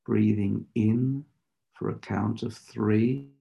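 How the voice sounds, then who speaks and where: A man teaching meditation in deliberate, measured phrases, in the instructive style of a spiritual lecture and guided practice. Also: fairly low pitch, steady tone, gravelly, mellow, lo-fi sound.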